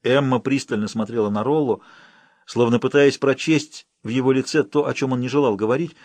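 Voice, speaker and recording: A man narrating an audiobook in a steady, expressive reading voice. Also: mid-range voice, brisk, dry recording. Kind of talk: scripted narration.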